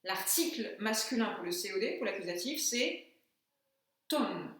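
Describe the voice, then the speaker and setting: A woman teacher giving a classroom lesson, slowly and patiently spelling out examples step by step. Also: mid-range voice, animated, a bit bright, recorded from a distance. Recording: echoey room, voice from off-mic.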